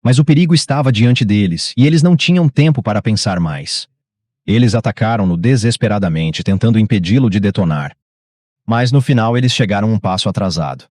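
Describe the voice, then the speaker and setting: A man narrating a scripted story recap in a steady, even storytelling manner. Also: fairly low pitch, a little fast, no room sound, clean studio sound.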